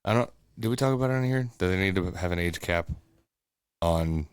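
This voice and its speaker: In a home room above a bathroom, a male podcast co-host keeps up casual chat, speaking bluntly and swearing often. His low voice moves a little fast, and the sound is clean, studio-like, with no echo.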